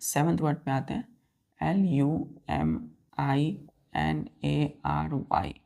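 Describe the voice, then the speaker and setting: Woman, teacher, low voice, dark tone, spells out words and counts letters. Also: very animated, takes it slowly, vocal fry. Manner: asks the class repeated questions. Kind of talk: vocabulary lesson for students.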